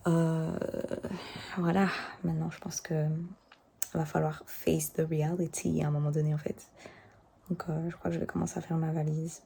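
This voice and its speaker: A young woman in her early twenties with a Belgian French accent chats through a casual vlog with scripted voice-over, sprinkling in English words and youthful slang. Her voice sits low, with a level tone, normal speed, vocal fry and a mellow quality. A little hiss or hum can be heard.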